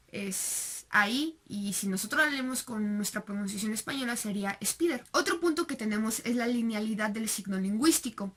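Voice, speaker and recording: A woman's voice: medium pitch, a bit bright. A young woman with a Mexican Spanish accent, giving a recorded class presentation with many fillers and rhetorical question tags. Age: young adult. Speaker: student presenter.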